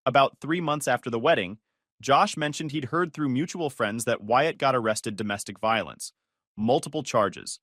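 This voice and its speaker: A man's voice: medium pitch, moderate pace, a bit bright, dry recording. Dry, matter-of-fact male story narrator. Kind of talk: first-person story narration.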